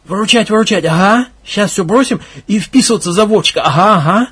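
A man voicing a hot-tempered young village gang leader who barks, mocks and shouts. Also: sits high, brisk, husky. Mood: scornful. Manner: angry, mocking, shouting, coarse.

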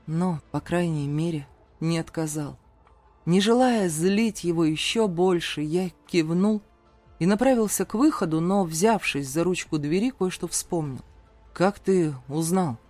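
A narrator reading a dramatic first-person novel in a measured storytelling manner. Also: medium pitch, darkish tone, soft background music. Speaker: audiobook narrator.

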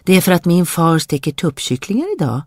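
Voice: medium pitch, very animated, a little mellow, dry recording, voice pushed up. A storyteller voicing a haughty, impatient young princess who snaps curt dismissals in a dry recording. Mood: curt, dismissive. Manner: curt, snapping.

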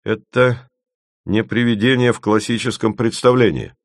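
A man's voice: mid-range voice, steady tone, no echo, clean studio sound, pitched above the performer's own voice, lightly acted. A man doing a grumbling senior investigator. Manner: firm, grumbling, measured.

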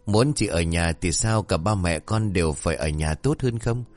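A man's voice: low voice, animated, normal speed, faint music behind. A man voicing a cheeky, spoiled teenage daughter who teases her mother in a folk tale. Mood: teasing. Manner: teasing, sassy.

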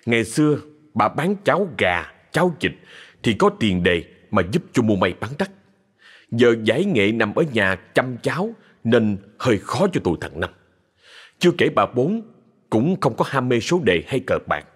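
A man tells a ghost story in a husky voice with a lively swing of pitch. The reading carries a long reverb tail. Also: moderate pace. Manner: lively, colloquial telling.

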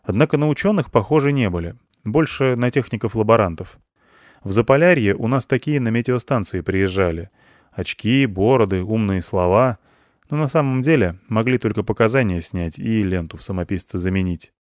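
Low-voiced male audiobook narrator. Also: expressive, brisk, a little mellow, no room sound, studio quality. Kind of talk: first-person story narration.

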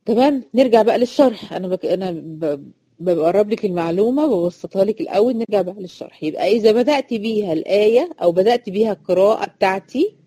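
A woman's voice: medium pitch, expressive, dark tone, husky. An Egyptian woman leads a recitation lesson for female students in a mid-range voice. She is chatty and explains each rule more than once, checking often that the class follows. The sound is dry, with no room echo. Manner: chatty, explains by repeating rules and asking quick check questions. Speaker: Quran recitation teacher.

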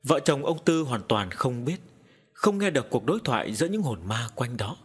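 A man narrating an audiobook story in an expressive, animated way. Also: medium pitch, moderate pace, breathy edge, soft background music.

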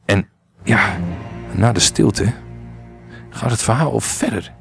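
A man's voice: slow, creaky, fairly bright tone. A man reading a podcast story aloud, with small slips and restarts, and lifting his voice for the characters. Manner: reads aloud with small slips and restarts, jumps higher for quoted lines. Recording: faint music behind.

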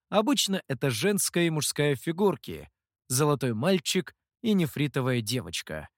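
A man narrating a fantasy story with an expressive, animated reading. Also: fairly high pitch, no echo, studio quality.

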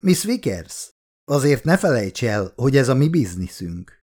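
A man's voice: mid-range voice, sing-song, a little mellow. A man reading the lines of a cocky male scientist who jokes with a wry tone. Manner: joking, wry. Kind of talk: audiobook character reading.

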